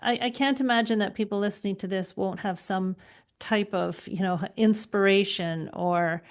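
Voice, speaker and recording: A woman's voice: medium pitch, moderate pace. A woman hosting an interview podcast, affirming her guest and asking open questions. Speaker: podcast host. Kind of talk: conversational interview.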